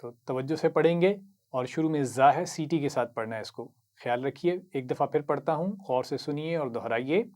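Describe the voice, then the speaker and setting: A man with an Urdu accent teaching Quran reading, patiently explaining each word, reciting it slowly and praising the learner. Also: on the high side, darkish tone. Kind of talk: slow instructional lesson.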